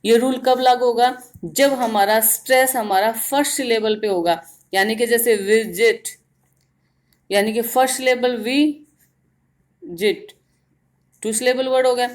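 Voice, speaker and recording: A woman teaching grammar in Hindi, explaining step by step and repeating words slowly to show their stress. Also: on the high side, steady tone. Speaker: English teacher. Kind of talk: grammar lesson in Hindi with English terms.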